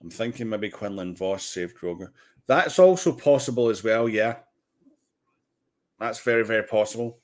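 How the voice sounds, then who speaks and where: A man with a lowish voice chats casually on a livestream watch party. He gets excitable and swears freely, often restarting sentences as he talks. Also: normal speed. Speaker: livestream host.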